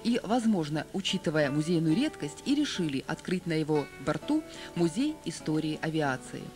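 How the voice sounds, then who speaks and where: A young adult woman presenting a television documentary with polished, expressive scripted narration. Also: deep voice, moderate pace, over music.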